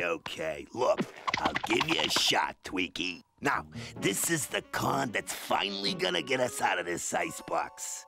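A crooked cartoon buzzard, bossy and slick. His gravelly voice swings wildly up and down as he blusters and schemes at a brisk-free, unhurried pace. Loud cartoon music plays behind him. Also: mid-range voice, heavily acted. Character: scheming, bossy buzzard con man, posing as ski instructor.

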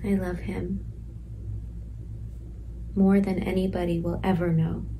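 A woman's voice: lowish voice, flat delivery, noisy background. A woman playing a tender pregnant teen girl. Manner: soft, slow, some lines whispered. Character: pregnant sixteen-year-old girl in detention, tender. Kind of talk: stage monologue, letter to her unborn baby.

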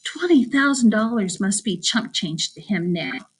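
A competitive teenage girl with a sweetly mocking, sing-song edge to her words, as a woman narrator puts her on. She needles the people around her, pitched a touch above the reader's own voice. Told as an audiobook. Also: expressive, unhurried, slightly rough. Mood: gossiping.

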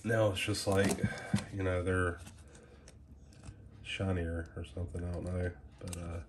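Seated at a small table close to the camera indoors, a man unboxes trading cards and casually reads the names off them. His voice is low and nasal from a head cold, and he rambles in a relaxed, unhurried way. Loud, crinkly wrappers make the background noisy.

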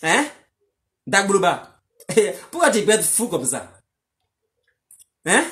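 A woman scolds a man in a long commentary monologue. She mocks him and hammers her points home through repetition, keeping her voice at an average pitch. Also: very animated, takes it slowly. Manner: mocking, scolding, repetitive and emphatic. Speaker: online commentator.

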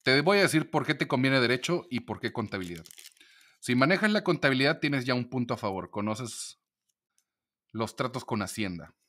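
A man's voice: mid-range voice, expressive, normal speed, fairly bright tone. A Mexican man, a lawyer, explaining a legal point in a casual monologue video and acting out quoted dialogue as he goes.

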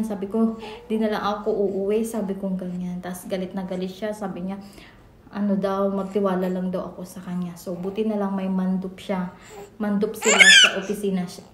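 A woman's voice: mid-range voice, bright, forceful tone. A young Filipino woman telling a personal story in a casual, rambling vlog with many restarts. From Philippines. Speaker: vlogger. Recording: echoey room, faint noise.

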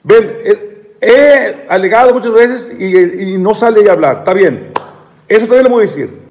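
A man tells an aggrieved story on a live stream, stumbling over repeated words and restarting his sentences. His voice is high for a man. A long hall-like reverb trails behind him. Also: animated, moderate pace, a little mellow. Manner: repetitive, stammering, aggrieved. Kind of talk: rambling live-stream monologue.

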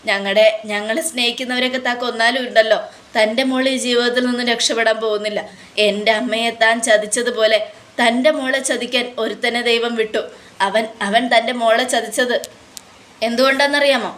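Kiran, a young man who taunts his old enemy with sarcasm and cold accusations, read by a woman in a fairly high voice. His tone stays biting and scornful. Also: steady tone, fairly quick, fairly bright tone, natural voice. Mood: accusing. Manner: mocking, accusing. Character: young man, vengeful and sarcastic toward villain.

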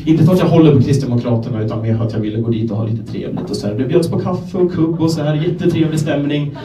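Young man, stand-up comedian, deadpan, self-deprecating, echoey room, heard from a distance. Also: a little high, background noise. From Sweden, Gävle. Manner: deadpan self-deprecating storytelling, acting out dialogue. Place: comedy club stage.

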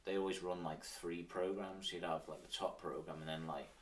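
A man with a Manx accent talks in a casual interview. His voice is low, and he sits a bit away from the mic. He phrases things loosely and informally, like someone recalling old times. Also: level tone, moderate pace, recorded from a distance. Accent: Manx, Isle of Man. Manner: informal, with frequent "sort of" and "like". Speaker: interview guest, former professional cyclist.

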